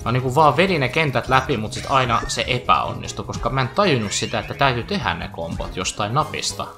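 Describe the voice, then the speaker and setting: A man's voice: mid-range voice, animated. A man giving chatty, joking let's play commentary over a video game, with playful asides. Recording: faint game music behind.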